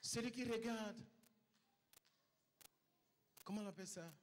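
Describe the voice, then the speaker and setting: A man's voice: sits high, measured pace, a little hiss or hum. A man preaching a sermon in short phrases for an interpreter, repeating and building his calls to the congregation. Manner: repetitive rising exhortation. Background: loud music.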